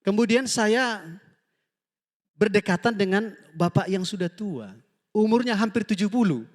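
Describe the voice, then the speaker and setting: Male pastor, high voice, animated sermon delivery, reverberant church hall. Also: a little slow. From Indonesia. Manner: lively preaching, often asks the congregation for amen; animated storytelling, acts out quoted dialogue.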